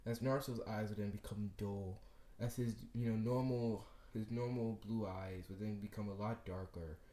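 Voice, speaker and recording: A man's voice: fairly low pitch, fairly even intonation, normal speed, dark tone. Rambling young man telling fan fiction. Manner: rambling, many fillers and self-corrections. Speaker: fan story narrator. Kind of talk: improvised fan-fiction narration. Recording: echoey room.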